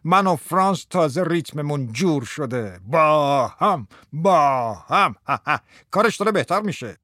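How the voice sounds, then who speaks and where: A man's voice: on the high side, expressive, fairly bright tone, no room sound, studio quality. An actor playing a chatty, self-satisfied middle-aged husband and businessman in a radio drama. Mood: playful.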